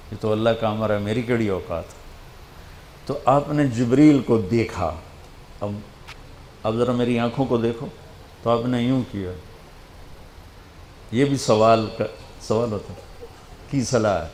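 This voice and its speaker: Older preacher in an echoey hall. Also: male voice, mid-range voice, long pauses, a little hiss or hum. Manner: dramatic, quotes figures in a hushed voice. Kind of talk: emotional sermon storytelling.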